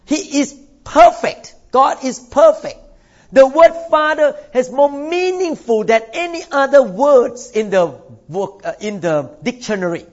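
A very high, animated and slightly mellow voice comes from an older Thai man delivering a sermon as a pastor. Key words are stretched out for emphasis, and the sound is lo-fi.

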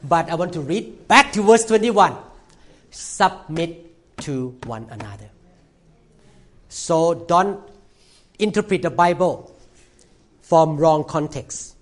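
High-pitched male preacher, non-native English. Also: slow. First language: not English. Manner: emphatic short exhortations, repeats phrases, asks congregation for amens. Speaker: pastor. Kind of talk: sermon.

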